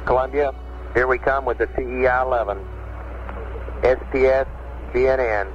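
A man's voice: mid-range voice, steady tone, moderate pace, muffled recording, noisy background. A man working as a mission control communicator, exchanging procedural calls over space radio. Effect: space radio transmission. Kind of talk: radio call-and-response procedure talk. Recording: band-limited 1960s mission radio, music behind.

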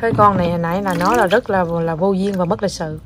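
A woman's voice: lowish voice, quick pace, heavy background noise. A woman in her thirties, a mother chatting casually to camera and laughing as she retells her child's words. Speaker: mother and vlogger.

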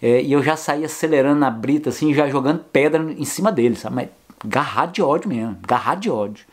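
Man, older, from Brazil, travel vlogger, animated jokey storytelling, middle-pitched voice. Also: fairly quick. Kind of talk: casual storytelling to camera.

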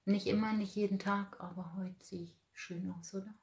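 A woman's voice: medium pitch, fairly even intonation, normal speed. A woman in her forties hosting a casual livestream, outspoken and ranting while reading out viewer comments. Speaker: livestream host.

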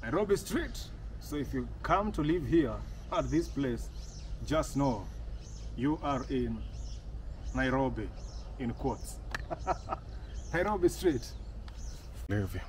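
A man's voice: medium pitch, slow pace, long pauses, slight background noise. A man with a Kenyan accent, talking casually and laughing often while he walks a residential street and films on a phone. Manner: lively, mixes English and Swahili, laughs often. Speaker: vlogger and house-hunting guide. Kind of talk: casual walking vlog.

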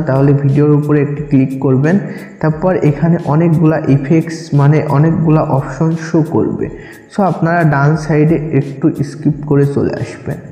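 This tutorial presenter has a Bangladeshi accent and a warm, higher-pitched voice. He walks through an app one step at a time, going over his instructions again and again, in a room full of echo.

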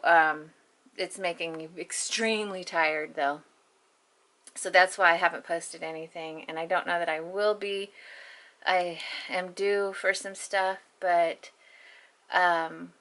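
A woman's voice: fairly low pitch, fairly bright tone. A woman vlogger chatting casually in a folksy, self-deprecating way in a home kitchen, speaking from behind a handheld camera. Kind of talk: casual chat.

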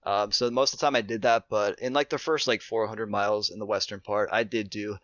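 In a casual interview, a young thru-hiker guesting on a podcast talks about hiking, stumbling through fillers and restarts. He speaks a little fast in a lowish, steady, fairly bright voice. The remote recording is dry and comes across dull and lo-fi.

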